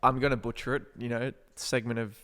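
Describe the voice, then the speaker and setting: A man's voice: mid-range voice, little pitch movement, brisk, a bit bright. Thoughtful Australian man, echoing room. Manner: musing, reasoned, quotes sayings. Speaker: podcast co-host. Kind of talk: casual chat.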